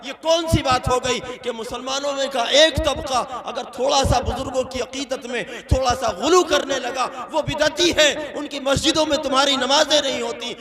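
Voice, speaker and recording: A man with a North Indian Urdu-Hindustani accent preaching an impassioned sermon at a public gathering, asking mocking rhetorical questions and swinging from quiet to shouting. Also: extremely high pitch, fairly even intonation, normal speed, few pauses, a crowd in the background. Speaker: Islamic preacher. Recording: echoey hall with long reverb.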